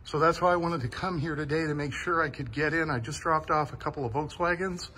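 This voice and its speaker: A man's voice: on the high side, fairly quick, pushed and bright, slight background noise. Enthusiastic man touring a vehicle warehouse. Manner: enthusiastic, awed. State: a bit sweaty after driving. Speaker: vlogger touring a vehicle museum. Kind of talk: casual walk-through narration. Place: large indoor vehicle warehouse.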